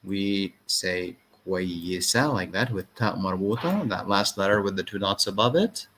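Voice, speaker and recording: A man's voice: deep voice, lively intonation, moderate pace, a bit bright, slight background noise. A man teaching an informal language lesson, explaining step by step, repeating words and checking in with short tags.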